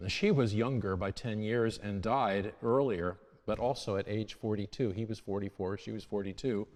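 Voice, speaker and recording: Steady and moderately paced, a man with a lowish, darkish voice speaks casually to a congregation about history, backing up to restart and correct himself along the way. The church's long reverb lingers on every phrase.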